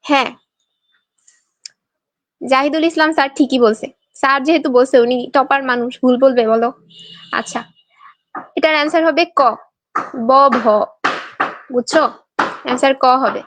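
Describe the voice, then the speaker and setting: High-voiced Bangladeshi woman teacher quizzing students. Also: fairly even intonation, moderate pace, pauses often, dry recording. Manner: quizzing students, reading their answers aloud; teasing, playful. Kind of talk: online exam-prep class.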